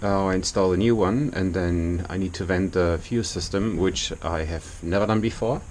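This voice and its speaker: Very deep-voiced man, non-native English speaker. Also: normal speed, darkish tone. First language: not English. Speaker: boat owner giving a video tour. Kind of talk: informal vlog walkthrough. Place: small engine compartment inside a boat. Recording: clear background noise in engine room.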